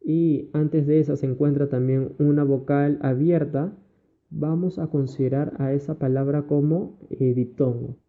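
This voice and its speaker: A man's voice: fairly high pitch, fairly even intonation, unhurried. A male primary school teacher with a Peruvian Spanish accent, giving a recorded online lesson over slides and explaining step by step, checking in with his pupils often. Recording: tinny phone-like audio.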